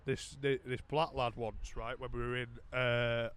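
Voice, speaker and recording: A man's voice: medium pitch, level tone, a little slow, fairly bright tone, smooth. A British man co-hosting a podcast, telling stories casually in a drunk, rambling, sweary way. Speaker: podcast co-host.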